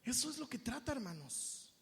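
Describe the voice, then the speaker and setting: A Mexican pastor with a strikingly high voice preaches with fervor, dropping to a hush and then rising to a shout. His words ring out with a long reverb from the church hall. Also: sing-song, moderate pace, a little hiss or hum. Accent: Mexican Spanish. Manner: emphatic preaching that swings from hushed to shouted, acting out voices of others. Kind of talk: sermon. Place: church sanctuary.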